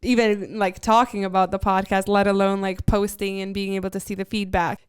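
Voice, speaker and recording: Very clear-voiced young woman podcaster. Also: medium pitch, little pitch movement, a little fast. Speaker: podcast co-host. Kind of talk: casual chat.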